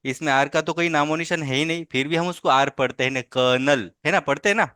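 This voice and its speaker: A man's voice: fairly high pitch, fast, sharp tone, clear, resonant tone, no echo, clean studio sound. A man teaching a child over a video call, patient and coaxing, checking in often with little tag questions. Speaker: language teacher. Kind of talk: online tutoring lesson.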